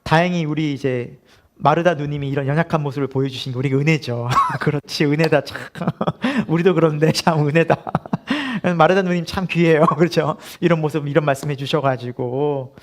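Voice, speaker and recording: A man's voice: on the high side, moderate pace. A male pastor preaching a sermon at a midweek prayer service. He asks the congregation questions, laughs often and acts out the voices he quotes.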